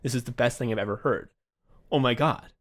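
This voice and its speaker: A man who co-hosts a casual podcast and writes audio plays looks back on past events, telling stories with effusive emphasis and swearing freely. He acts out remembered exchanges as dialogue. His voice is medium-pitched and brisk.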